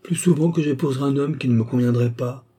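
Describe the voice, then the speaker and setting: A man reading an audiobook, voicing a naive, cheerful young female seamstress who speaks in a lively, shy and coy way. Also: mid-range voice, fast talker, slightly rough, pitched above the performer's own voice, natural voice. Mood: laughing.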